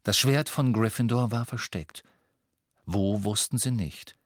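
A man narrating a story aloud in a dramatic, expressive reading. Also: fairly low pitch, unhurried, no echo, studio quality. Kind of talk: audiobook reading.

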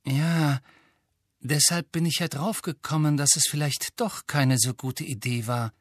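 A man's voice: on the high side, steady tone, measured pace, no echo, voice pushed up. A man voicing a worried, thoughtful teenage schoolgirl who picks her words carefully, in an audiobook. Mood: uneasy. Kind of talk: audiobook character voice.

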